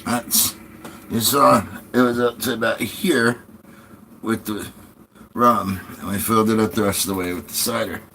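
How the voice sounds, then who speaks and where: A man's voice: fairly low pitch, fairly even intonation, normal speed, bright, forceful tone. A man chatting casually on a livestream, rambling along and swearing freely. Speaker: live streamer. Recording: clearly noisy livestream audio.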